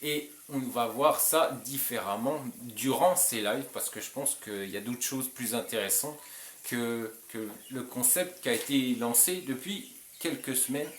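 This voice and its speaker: A man's voice: mid-range voice, a little slow, echoey room, a little hiss or hum. A French man hosting his channel, talking bluntly and emphatically, with frequent restarts and short chuckles. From France. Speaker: channel host. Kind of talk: casual direct-to-camera talk.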